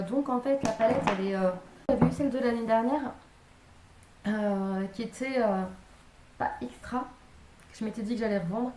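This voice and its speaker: Young female vlogger, casual and hesitant, warm low-key tone, roomy echo. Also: a little hiss or hum. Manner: rambling, many hesitations and self-corrections. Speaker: beauty vlogger. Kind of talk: casual haul chat to camera. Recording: echoey room.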